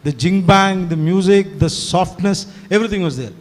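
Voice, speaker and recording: At a live event, the organizer, a man of sixty whose first language is Tamil, talks to the crowd in a high voice at normal speed. He rambles with ease, switching between Hindi and English and leaning on "you know." The room has a long, echoing reverb.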